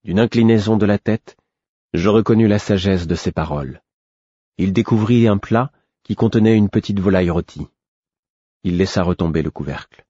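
A man reading a novel aloud in calm first-person narration. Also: on the low side, moderate pace, breathy edge, no room sound, muffled recording. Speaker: audiobook narrator.

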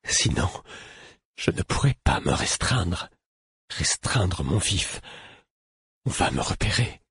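Un jeune homme souffrant qui articule avec peine, joué par un homme, voix grave et voilée. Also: male voice, a bass voice, takes it slowly, husky, dry recording, clean studio sound, exaggerated voice. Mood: strained. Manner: strained, careful articulation. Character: young man in pain, struggling.

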